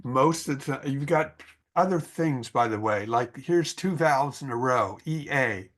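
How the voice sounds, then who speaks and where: A man's voice: mid-range voice, expressive, measured pace, a bit bright. A man teaching an online English class, patiently explaining vowel sounds and pronunciation rules over a video call.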